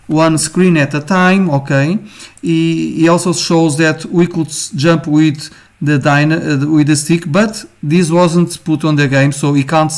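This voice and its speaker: Portuguese-accented male teacher, slightly high voice, casual halting lesson delivery. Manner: halting, many fillers, ends phrases with "okay?". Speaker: game design teacher. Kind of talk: informal screen-share lesson.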